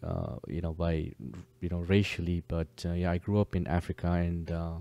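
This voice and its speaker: A man's voice: sits low, moderate pace, dry recording, muffled recording. A man from Kenya, a DJ and producer, chatting casually and easygoingly as a podcast guest. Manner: relaxed, easygoing, many fillers.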